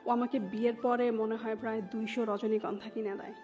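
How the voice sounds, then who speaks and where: Speaking a little fast, this woman has a high-leaning, mellow voice with little pitch movement. She has a Bangladeshi accent and recounts her personal story as an interview guest, mixing English into her Bengali. The recording carries background music, long reverb, and a dull tone.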